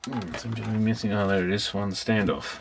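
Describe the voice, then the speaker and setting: Working through an electronics repair, an Australian man keeps up a casual, musing commentary in a lowish voice with fairly even intonation and a fairly quick pace. It's an evidently noisy recording with clicks throughout.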